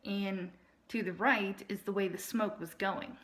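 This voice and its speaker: A woman speaking in a casual personal monologue, explaining things in a deliberate, aggrieved way. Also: medium pitch, steady tone, a little hiss or hum. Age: adult. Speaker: storyteller recounting personal family experiences.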